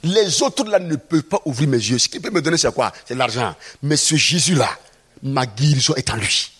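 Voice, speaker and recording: A preacher doing a blind beggar, low and pleading. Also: male voice, lively intonation, normal speed, a bit bright, breathy edge. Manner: pleading, insistent. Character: blind male beggar crying out for healing.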